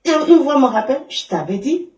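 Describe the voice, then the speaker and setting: A woman giving an emotional personal testimony in an interview, halting, with many fillers and restarts. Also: sits high, big pitch swings, a little mellow. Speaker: interview guest. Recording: roomy sound from a distance.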